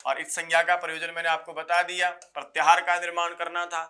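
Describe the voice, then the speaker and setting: Bright-voiced male Sanskrit teacher lecturing. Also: fairly high pitch, monotone. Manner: repeats key phrases slowly, asks students rhetorical questions; recites Sanskrit rules in a measured chant. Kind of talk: exam-prep grammar lecture.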